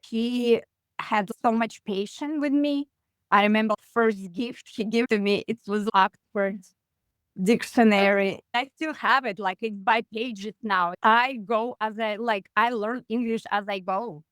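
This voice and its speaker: Russian accent woman on a video call, smooth clear voice, dry sound, lots of "like" and pauses. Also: on the high side, no room sound. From Russia (far east). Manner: halting, many "like" fillers, simplified grammar. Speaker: guest. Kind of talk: casual interview over video call.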